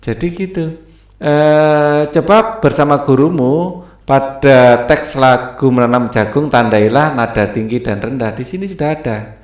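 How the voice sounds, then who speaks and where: A man's voice: medium pitch, a little slow. A man explains a school textbook lesson, reading it aloud and singing note names and short song lines. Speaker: teacher. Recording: echoey room with faint guitar music.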